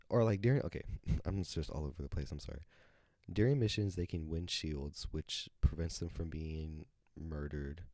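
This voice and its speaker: A man's voice: very deep voice, mellow, no echo, clean studio sound. A man hosting his own podcast, rambling casually with lots of fillers, swearing and self-corrections. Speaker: podcast host. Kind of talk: casual solo podcast chat.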